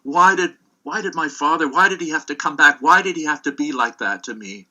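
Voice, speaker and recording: A man playing an earnest, emphatic young father in a fireside folktale, speaking deliberately. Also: on the high side, sharp tone. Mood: anguished. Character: young father, courteous but firm, troubled. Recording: dull, muffled lo-fi recording.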